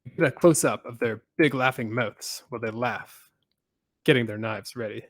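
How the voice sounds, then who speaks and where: Male podcast host, casual recapper with deadpan asides, dry close sound. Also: medium pitch, normal speed, no echo. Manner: steady storytelling with dry asides.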